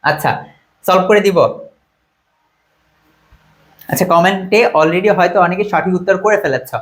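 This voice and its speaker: A man's voice: high voice, quick pace, fairly bright tone. A young man teaching an online exam-prep lesson, quizzing students and counting items aloud.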